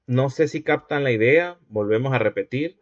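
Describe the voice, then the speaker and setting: A man teaching a university phonology class, patient and repetitive, often pausing to check that students follow. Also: medium pitch, no echo. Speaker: linguistics teacher. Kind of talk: university lecture. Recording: dry, dull lo-fi recording.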